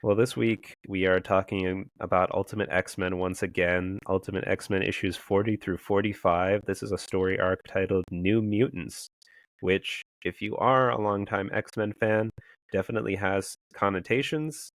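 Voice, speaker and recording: A man with a cold-roughened, hoarse voice co-hosting a casual comics podcast, calm and measured. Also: low-pitched, dry recording. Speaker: podcast co-host.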